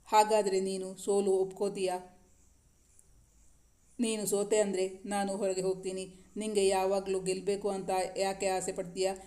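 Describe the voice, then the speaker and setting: ಒಬ್ಬ ಮಹಿಳೆ, ಹೆಂಡತಿಯನ್ನು ತಮಾಷೆಯಿಂದ ಕಾಡಿಸುವ ಯುವ ಗಂಡನ ಪಾತ್ರವನ್ನು ಮೆಲ್ಲಗೆ ಓದುತ್ತಿದ್ದಾಳೆ. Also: female voice, mid-range voice, little pitch movement, moderate pace, natural voice. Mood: teasing. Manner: teasing, soft-spoken. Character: teasing playful young husband.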